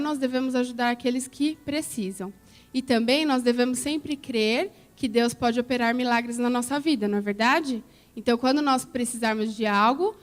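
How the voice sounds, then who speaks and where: A woman in a church telling a Bible story to children, coaxing them with questions along the way. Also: a little high.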